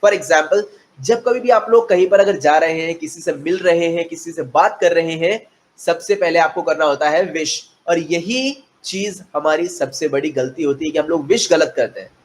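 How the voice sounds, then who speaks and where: A man from India teaching a spoken English lesson, explaining in Hindi, mixing in English phrases and spelling letters out slowly. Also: on the high side. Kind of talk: classroom lecture.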